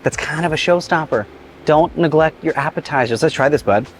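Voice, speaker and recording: A man's voice: a little high, a little fast, a little hiss or hum. A man hosting a casual cooking demonstration outdoors, chatty and enthusiastic as he cooks and tastes. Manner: enthusiastic, chatty, talks with a mouthful at times. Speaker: cooking show host, chef. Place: outdoor griddle cooking set.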